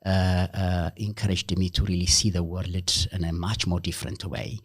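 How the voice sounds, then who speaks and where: A man from Ethiopia, a senior lecturer interviewed as a guest, speaking thoughtfully and haltingly with many fillers. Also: low-pitched, level tone, husky.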